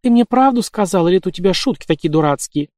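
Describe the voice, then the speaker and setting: A woman's voice: fairly low pitch, lively intonation, fast, mellow, dry recording, studio quality, voice pushed up, close to an everyday voice. A man doing a lovesick young nurse. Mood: pleading. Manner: chirpy, pleading.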